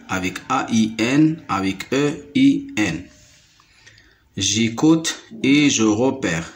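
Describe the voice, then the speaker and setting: Male teacher with Moroccan French accent, very slow and deliberate, repeats words for young pupils. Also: mid-range voice. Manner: slow, repeats each word several times. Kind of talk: primary school phonics lesson.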